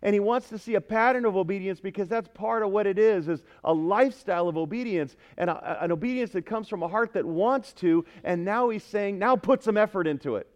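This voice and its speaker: Emphatic high-voiced male preacher. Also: a little fast, hardly any pauses. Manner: emphatic, swings from loud exhortation to quiet earnestness; asks the congregation questions. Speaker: pastor. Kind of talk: sermon.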